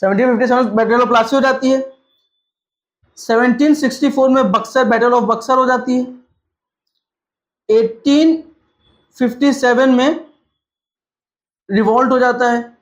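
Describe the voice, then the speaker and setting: Steady in tone and moderately paced, this man's extremely high voice pauses often as he teaches in Hindi sprinkled with English terms. He asks questions and supplies the answers himself, in an echoey room with slightly dull audio.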